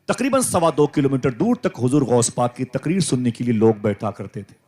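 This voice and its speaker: A man's voice: mid-range voice, expressive. Emphatic male preacher at a gathering. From South Asia. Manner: emphatic, rising to loud calls for crowd response. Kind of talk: devotional sermon to a live gathering.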